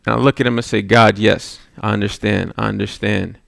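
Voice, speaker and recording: A man with a lowish, steady, creaky, fairly bright voice preaches a sermon at a brisk pace, telling a personal story with rising intensity. He keeps checking in with the congregation, often with a repeated "right?", in a dry, studio-quality recording.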